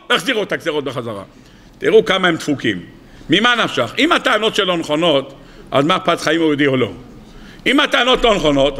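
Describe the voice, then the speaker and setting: A rabbi giving a humorous Torah lecture, telling stories in an animated, jokey way and acting out the characters. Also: male voice, high voice. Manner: animated, jokey, acts out voices.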